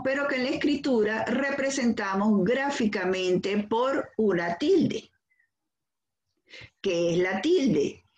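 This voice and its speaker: Woman, Venezuelan accent, schoolteacher, careful step-by-step explanation, echoey room. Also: fairly high pitch. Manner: slow, careful explanation with examples and rhetorical questions. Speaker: teacher. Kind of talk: recorded school lesson on accentuation.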